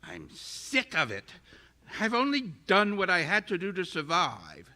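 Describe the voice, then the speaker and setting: An actor playing an arrogant, bitter invisible scientist in a radio-style drama, speaking in haughty, theatrical, formal language. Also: male voice, high-pitched, huge pitch swings, a little slow, sharp tone, exaggerated voice. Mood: furious. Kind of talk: radio-style stage audio drama acting.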